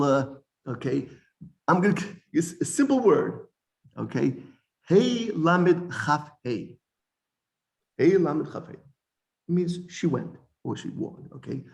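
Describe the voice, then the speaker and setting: Animated male bible teacher. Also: on the high side, takes it slowly, gravelly. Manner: animated, repeats words, many restarts and fillers. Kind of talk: informal Bible study lesson.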